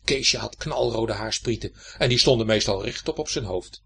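A man reading a children's story aloud in an expressive, lilting storytelling manner. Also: fairly low pitch, normal speed, gravelly, husky.

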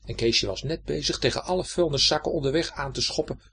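A man reading a children's story aloud in an expressive, lilting storytelling manner. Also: a little high, quick pace, gravelly, a little hiss or hum.

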